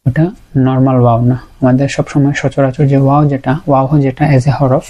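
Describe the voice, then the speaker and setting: A man's voice: mid-range voice, flat delivery, brisk, mellow. A man teaching Quran pronunciation in a lesson, patiently repeating each sound to show it. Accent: Bangladeshi Bengali. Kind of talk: explanatory lesson.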